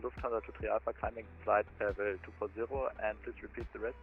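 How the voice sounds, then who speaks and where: A man's voice: lowish voice, level tone, fast talker. A man speaking as a pilot in air traffic control radio calls. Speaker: pilot on flight simulation network. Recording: muffled narrow-band radio transmission, faint music.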